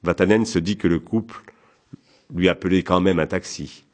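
A man narrating an audiobook in a calm, even, measured way. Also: low voice.

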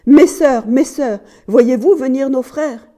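A woman voicing a frightened young wife who answers in hushed tones and pleads for her life. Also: mid-range voice, normal speed, breathy edge, natural voice. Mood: pleading. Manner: hushed, near-whispered replies.

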